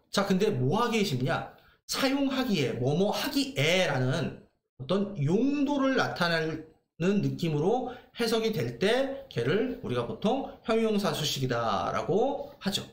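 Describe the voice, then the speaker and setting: A man teaching English grammar in a lively lecture, asking questions and answering them himself. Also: sits high, roomy sound. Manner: lively, asks and answers his own questions.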